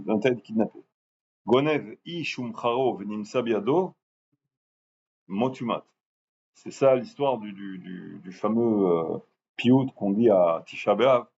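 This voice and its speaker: A man teaching a religious lesson, explaining patiently and slowly repeating words to stress how they are said, often restarting his phrases. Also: on the low side, a little mellow, dull audio. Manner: frequent restarts and hesitations. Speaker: rabbi teaching a class. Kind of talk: Torah lesson in French.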